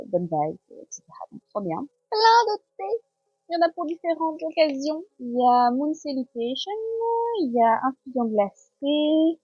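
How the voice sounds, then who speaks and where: A woman's voice: a little high, a little mellow, slightly rough, dry recording, highs cut off. A woman with a French accent in a casual home vlog, chatting as she unboxes gifts. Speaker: vlogger.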